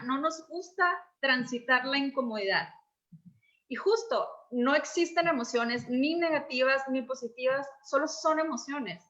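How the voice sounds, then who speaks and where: Bright high-voiced woman coach. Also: lo-fi sound. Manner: expressive, reenacts dialogue. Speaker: emotions coach. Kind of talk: conversational explanation.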